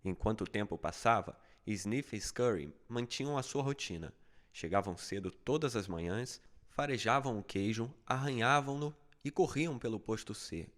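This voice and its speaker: Male audiobook narrator, middle-pitched voice, steady even storytelling, scripted reading. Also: normal speed.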